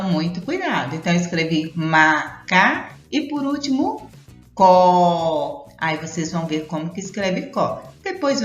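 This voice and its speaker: A woman teaching small children, her voice rising and falling in a sing-song way as she draws out each syllable. The sound is dull and a little roomy, with soft music underneath. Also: medium pitch. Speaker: primary school teacher.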